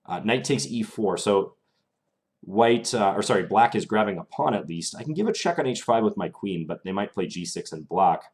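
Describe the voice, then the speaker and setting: On a live stream, a young man commentates his chess games and handles viewer questions, thinking aloud in a relaxed manner. His pitch is fairly low, his pace moderate, and his voice slightly strained.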